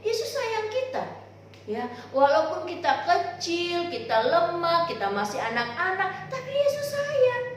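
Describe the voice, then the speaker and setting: A woman teaching Sunday school, telling a Bible story to children in an animated, sing-song way. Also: extremely high pitch, unhurried, slight background noise. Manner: animated, sing-song, talks straight to kids. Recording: echoey room.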